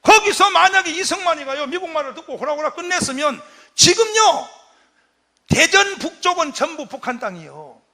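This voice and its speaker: Shouting high-pitched gravelly pastor. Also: male voice, sing-song, moderate pace. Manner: shouting, leads crowd chants; acts out quoted voices. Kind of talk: fiery patriotic lecture.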